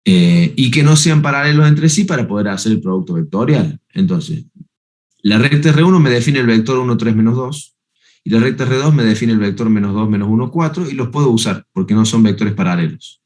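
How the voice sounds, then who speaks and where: A man's voice: medium pitch, lively intonation, a little fast, a little mellow. A man giving a university math lecture, working step by step through the notes and checking that students follow. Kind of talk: university lecture on analytic geometry.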